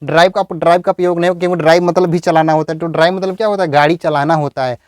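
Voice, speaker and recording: A man teaching English in a video lecture, explaining step by step and saying example sentences slowly. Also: a little high, fairly even intonation, no room sound, clean studio sound.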